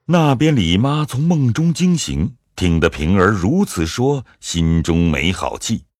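A man narrating an audio drama in a measured storytelling manner. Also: on the low side, sing-song, darkish tone, no echo, clean studio sound.

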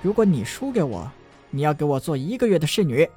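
A brash young fighter who needles his opponent with a cocky, teasing edge, as a male narrator plays him. He talks briskly in a slightly raised voice, a storybook rogue who enjoys provoking people. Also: fairly high pitch, big pitch swings, mellow, faint music behind. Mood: taunting.

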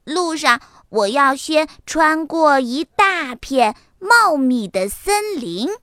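A woman voicing a bold, eager little boy fox in a children's storybook reading, excited and boastful. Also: high-pitched, takes it slowly, no echo, clean studio sound, exaggerated voice.

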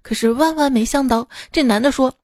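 A woman's voice: sits high, a little fast, a little mellow, dry recording. A woman hosting a podcast, telling short funny stories in a chatty way and laughing at her own jokes, recorded on a close mic. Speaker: podcast host reading jokes. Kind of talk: casual joke storytelling.

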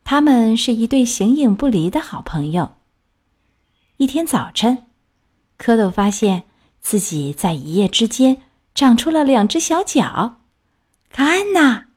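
A woman reading a children's story aloud, gentle and expressive. She takes her time over every phrase, and her voice rises and falls widely. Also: fairly high pitch, unhurried, slightly rough.

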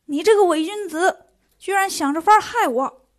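A woman voicing a hot-tempered male monkey king who talks loudly and impatiently. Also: high voice, expressive, fairly quick. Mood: angry. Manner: loud, impatient, cheeky shouting.

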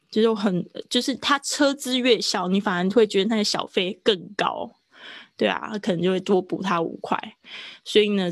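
A woman teaching a live online English lesson, explaining at length and stretching out words slowly to demonstrate them. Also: mid-range voice, no room sound. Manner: slow, drawn-out pronunciation demonstrations. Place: online class.

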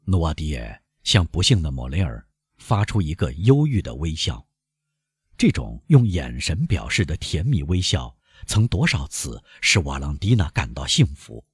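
A man narrates a classic novel in a deep, husky voice. He reads slowly and lets the pitch swing widely for drama. The sound is dry and close. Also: dry recording. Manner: measured, expressive storytelling. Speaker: audiobook narrator. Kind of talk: slow scripted narration.

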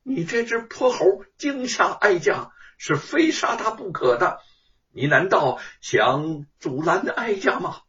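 A man voicing a haughty, spoiled imperial consort with a shrill, imperious manner, on a dull, distant lo-fi recording. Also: very animated, unhurried, fairly bright tone, exaggerated voice. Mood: furious.

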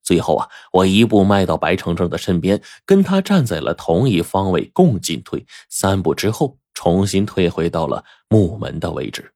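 A man narrating a first-person adventure audiobook in a dramatic, animated manner. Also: low voice, normal speed, creaky, hardly any pauses, no room sound, studio quality.

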